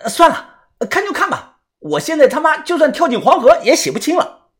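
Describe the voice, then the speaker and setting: Young taoist, voiced by a man, high, cocky, hot-tempered, swearing, storybook. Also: very animated, moderate pace. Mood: hesitant. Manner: shouting, swaggering, cursing.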